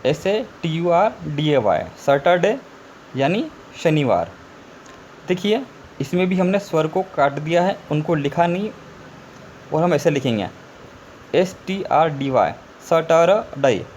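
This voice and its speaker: A man's voice: a little high, lively intonation, slow pace, darkish tone. A male teacher giving a spelling lesson, spelling words out letter by letter and repeating them. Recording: faint background noise.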